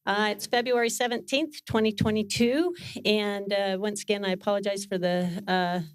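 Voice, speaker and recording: A woman's voice: medium pitch, fairly even intonation, moderate pace, clean tone, no echo. Woman chairing a meeting, dry close sound. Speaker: chair of a city council meeting. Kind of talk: formal meeting facilitation, partly off the cuff. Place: council meeting room, speaking into a microphone.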